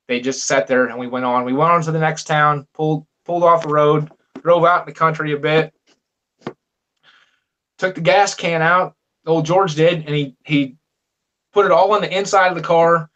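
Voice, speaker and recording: Higher-pitched man, rambling storyteller, restarts a lot, laughs as he goes. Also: a bit bright, highs cut off. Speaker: guest storyteller. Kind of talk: casual storytelling.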